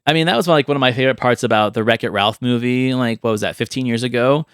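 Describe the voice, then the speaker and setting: Quick and clear, this middle-aged host's mid-range voice has a fairly bright, resonant tone captured in a clean studio with no echo. He chats casually about movies and games, telling stories with enthusiasm.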